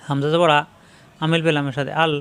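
A man teaching Quran recitation in Bengali, spelling out each syllable step by step and drawing out words slowly when he models them. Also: on the high side, level tone, a bit bright, clear, resonant tone. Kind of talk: step-by-step spelling and pronunciation lesson.

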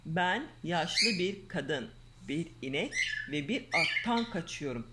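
A woman's voice: low-pitched, expressive, takes it slowly. A woman reading as the boastful Gingerbread Man. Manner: sing-song taunting chant. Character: boastful little male gingerbread cookie, runs from everyone. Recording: loud home background noise.

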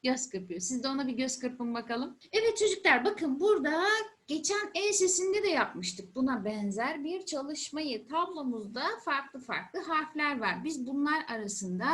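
A woman teacher explaining a lesson to young children in simple, repeated phrases and questions, with encouraging, sing-song emphasis. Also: high voice. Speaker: primary school teacher. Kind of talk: first-grade letter lesson for children.

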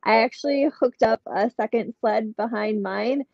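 Speaking as a podcast guest from home over a video call, a middle-aged woman tells stories and chats upbeat in casual interview style. Her fairly high voice is unhurried, creaky and a little mellow, recorded dry through a webcam with dull lo-fi quality.

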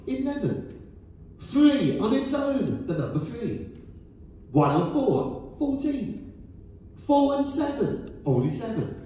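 A man working as a bingo caller, calling numbers in a measured, sing-song pattern with short cheerful congratulations. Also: high-pitched, warm tone. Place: bingo hall, over the caller's sound system, recorded from a player's table. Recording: very echoey hall, distant mic, noisy.

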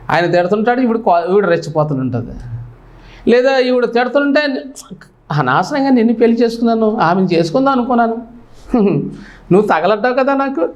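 Guy preaching a sermon, pretty high voice, swings up and down a lot. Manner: animated preaching, rising and dropping sharply for emphasis. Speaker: pastor.

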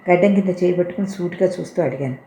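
Calm woman reading a story, mellow and low. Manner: calm, measured, reflective. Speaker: story reader. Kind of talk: storytelling narration. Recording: roomy echo with faint noise.

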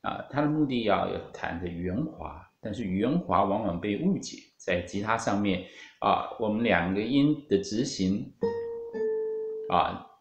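Low-voiced man teaching classical guitar. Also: lively intonation, measured pace, gravelly, lo-fi sound. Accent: Taiwanese Mandarin. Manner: patient, explanatory, many fillers and English music terms. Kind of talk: spoken music lesson. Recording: roomy, guitar playing at times.

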